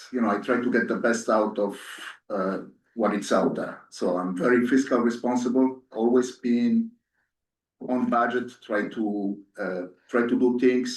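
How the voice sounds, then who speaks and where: A man born in Ethiopia and raised in Italy, a candidate giving an earnest, hesitant speech full of fillers at a community meeting. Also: medium pitch. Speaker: board candidate. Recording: echoey room, voice from far off.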